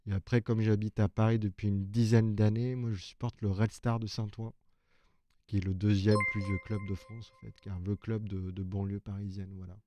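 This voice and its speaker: A man's voice: lowish voice, little pitch movement, fairly quick, dark tone, slight background noise. A man who works as a journalist on an ecology desk, explaining at length and thinking aloud in a casual live chat from an open newsroom.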